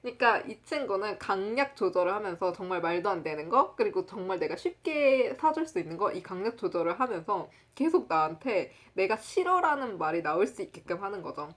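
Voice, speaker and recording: Animated young korean woman telling a story. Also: a little fast, few pauses. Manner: lively, acts out quotes in a loud high voice; laughs often while telling. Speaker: vlogger. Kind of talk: casual storytelling to camera.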